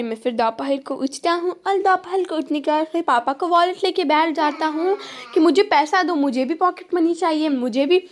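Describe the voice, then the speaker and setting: A woman's voice: sits high, a little hiss or hum, close to an everyday voice. A woman voicing a mischievous, boastful little boy, narrating his day in a playful sing-song way with lots of repetition.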